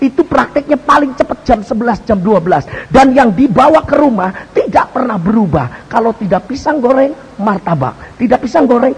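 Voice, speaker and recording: Husky high-voiced older male preacher. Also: rough recording. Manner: chatty, joking, keeps addressing the congregation. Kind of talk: humorous storytelling sermon.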